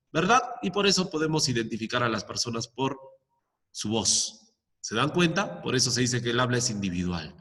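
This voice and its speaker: Animated male teacher explaining step by step. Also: mid-range voice. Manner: checks in often with "¿ya?", explains step by step with examples. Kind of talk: explaining a lesson to students. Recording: long echoing reverb.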